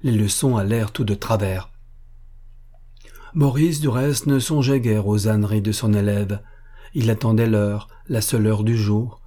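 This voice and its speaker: A man reading a classic novel aloud for an audiobook. His voice is low and husky with a dark, mellow tone, and his delivery is measured and expressive. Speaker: narrator.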